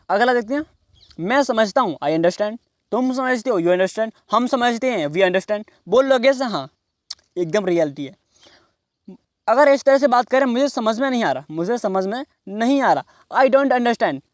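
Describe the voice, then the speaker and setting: A man teaching in a class, explaining slowly and repeating each phrase. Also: sits high, dry recording. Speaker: English teacher. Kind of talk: classroom lesson.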